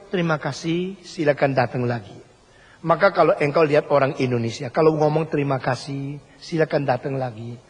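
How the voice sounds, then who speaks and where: An older man preaches with emphatic repetition and pointed rhetorical questions to his congregation. His voice sits high and has a husky grain, and the sound carries a long echo from a large church hall. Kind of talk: sermon.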